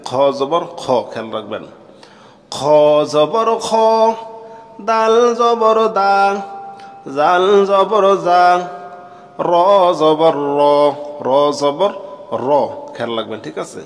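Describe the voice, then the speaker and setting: A man teaching Quran reading, slowly chanting each pair of Arabic letters twice in a sing-song way, then explaining quickly in between. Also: high-pitched, sing-song, long reverb tail. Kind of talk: slow drilled recitation of Arabic letters.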